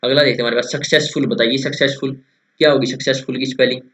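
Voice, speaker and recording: A young man drills spellings for an exam-prep class. His voice sits at an ordinary middle pitch, and he keeps repeating words and asking his students rhetorical questions. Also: fairly even intonation, rapid-fire, fairly bright tone, poor audio. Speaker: teacher.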